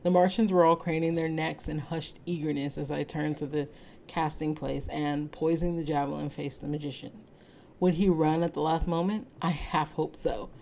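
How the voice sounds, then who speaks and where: A woman reading a story aloud in a casual way, steady and measured, now and then breaking off to comment. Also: low voice, gravelly, a little hiss or hum, rough recording. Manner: reads steadily, breaks off to laugh and make asides. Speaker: reader.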